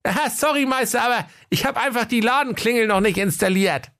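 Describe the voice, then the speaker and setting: A man voicing a cheeky, crooked shopkeeper with cocky sales patter in a very high, squeaky voice. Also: brisk, fairly bright tone. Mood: chummy.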